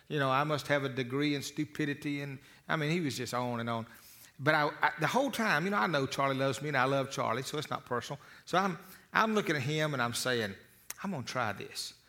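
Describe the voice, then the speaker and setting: A man giving a motivational talk to an audience, folksy and storytelling, often repeating words as he restarts a phrase. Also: a little high. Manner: storytelling with lively asides. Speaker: motivational speaker.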